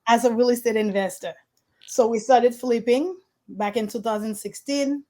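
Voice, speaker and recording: A woman from Haiti with a fairly high voice speaks as an interview guest. She tells her story earnestly and steadily, and some of her phrasing is slightly unusual. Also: moderate pace, dark tone. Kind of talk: conversational interview.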